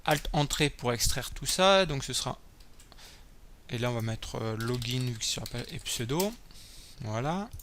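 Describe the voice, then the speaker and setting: A man's voice: medium pitch, animated, normal speed, fairly bright tone, slight background noise. Casual man talking through code. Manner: casual, thinking aloud while typing code. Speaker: coding tutorial host. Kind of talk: screencast coding tutorial.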